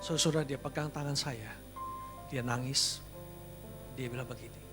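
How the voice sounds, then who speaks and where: A male pastor preaching a sermon at a church service. He tells personal stories, then builds to loud, emphatic exhortation, slipping English phrases into his preaching. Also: mid-range voice, fairly even intonation, normal speed, over music.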